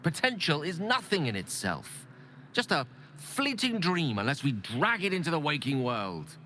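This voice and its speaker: Over background music and slight noise, a man with a high-ish, pushed, bright voice acts as a video game companion, an eloquent, ambitious and embittered wizard pleading his case. At a moderate pace and very animated, he delivers dramatic dialogue with earnest, persuasive, theatrical and formal articulation.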